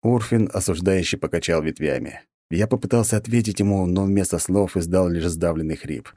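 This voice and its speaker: A man reading a first-person audiobook with an expressive, animated delivery. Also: deep voice, fairly quick, dry recording, studio quality. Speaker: audiobook narrator. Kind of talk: scripted first-person narration.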